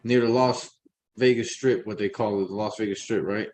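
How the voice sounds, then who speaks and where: A middle-aged man with a fairly low voice in a casual discussion. He talks colloquially, with street slang, often repeating a phrase while he builds an example. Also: steady tone, darkish tone, a little hiss or hum. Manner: halting, repeats words, explains with examples.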